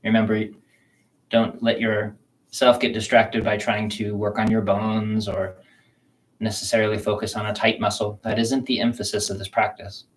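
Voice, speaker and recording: A man teaching a qigong self-massage class, guiding listeners slowly and gently through the practice. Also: on the low side, low-quality recording. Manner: slow, calm, gentle guiding talk. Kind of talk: guided self-massage instruction.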